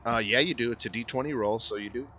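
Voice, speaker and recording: A man narrating a tabletop game as game master, halting and pausing often. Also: medium pitch, pushed and bright. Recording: slightly muffled, faint room noise.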